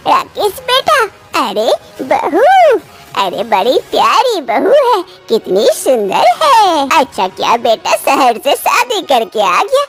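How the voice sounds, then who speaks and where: Woman doing a fussy doting old village mom-in-law, sing-song and slow, soft music under. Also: sits high, heavily acted. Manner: fussing, affectionate.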